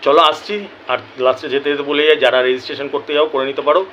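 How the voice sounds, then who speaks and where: Bengali guy talking to his viewers, throat bugging him, kinda high forceful voice, faint noise behind. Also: steady tone, quick pace, muffled recording. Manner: chatty, repeats "ঠিক আছে?", apologetic. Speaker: lottery result channel host. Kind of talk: casual talk to viewers.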